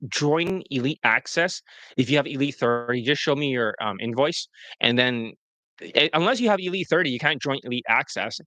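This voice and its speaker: A man with a lively, pushed, bright voice speaks at a moderate pace in a dry recording. He hosts as a dating coach, brash and profane, giving blunt promotional coaching talk and mocking his students in high-pitched, whiny put-on voices.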